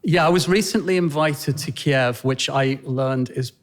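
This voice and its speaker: A man's voice: on the high side, normal speed. Thoughtful, hesitant man giving an interview. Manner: thoughtful, hesitant, many fillers and restarts. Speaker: podcast guest, fashion designer. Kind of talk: conversational interview answers. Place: penthouse room in Manhattan.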